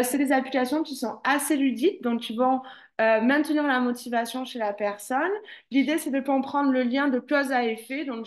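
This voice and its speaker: Woman presenting a webinar, hesitant. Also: fairly high pitch. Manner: hesitant, many fillers and restarts. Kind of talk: online presentation.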